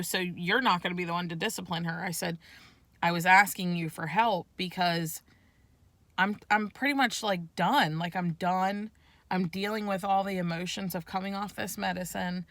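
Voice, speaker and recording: Woman, 30s, frustrated emphatic mom venting alone in her truck, bright voice. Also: medium pitch, no echo. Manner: frustrated, emphatic, grows loud. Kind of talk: casual rant.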